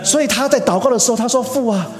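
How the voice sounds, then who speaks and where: A man delivering a sermon as a pastor, earnest, stressing phrases by slowing down and lifting his voice. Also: very high-pitched. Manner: earnest, preaching with emphatic rises and slow stressed phrases.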